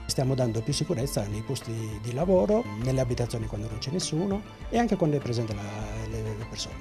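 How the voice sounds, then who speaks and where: A man speaks as a company representative in a documentary interview. His voice is of average pitch, and music is clearly heard behind it. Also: very animated, fast talker. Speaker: security cooperative representative.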